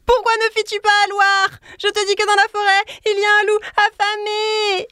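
A frantic little hare from a children's storybook cries out its warnings in a shrill, very high voice, as a woman reads it aloud. The cries come loud and urgent. The sound is dry and close, with no room around it. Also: monotone, normal speed, no echo. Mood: urgent alarm.

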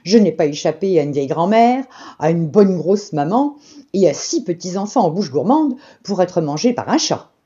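A woman's voice: lowish voice, lively intonation, normal speed, mellow, husky, muffled recording. A woman voicing a proud, fleeing female pancake in a storybook, chanting her refrain in a slightly raised voice. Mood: boastful.

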